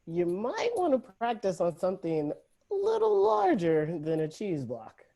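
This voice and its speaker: A laid-back young man drifts through the scene, read by a woman in an informal play read-through over a video call. The voice sits low and mellow, unhurried and deadpan, yet it rises and falls widely. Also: vocal fry, exaggerated voice. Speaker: play reader.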